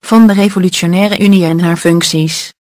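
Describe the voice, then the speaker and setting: A woman reading a political essay aloud in a steady, measured, list-like delivery. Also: on the low side, no room sound, studio quality.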